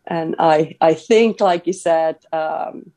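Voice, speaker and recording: A woman's voice: low-pitched, slow pace, dark tone. A woman, a guest talking earnestly in a casual interview, with many fillers and restarts. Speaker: podcast guest, author.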